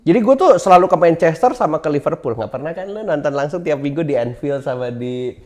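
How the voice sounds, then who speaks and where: A man from Indonesia, a guest on a chat show, talking casually and jumping into high put-on voices when he retells a story. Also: lively intonation, a little fast, darkish tone. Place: indoor studio.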